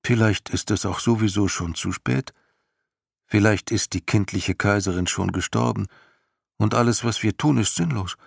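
A man reading a storybook and voicing a weary, hopeless male horse in slow, heavy, resigned speech. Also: fairly low pitch, creaky, no room sound, clean studio sound, voice pushed up.

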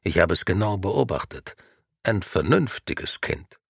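A man playing a cold ashen grey gentleman. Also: sits low, big pitch swings, a little slow, vocal fry, breathy edge, no room sound, studio quality, exaggerated voice. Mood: cool.

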